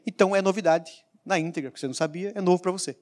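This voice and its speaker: A man preaching a sermon as pastor, emphatic, with sudden loud peaks and quiet asides. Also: sits high, racing.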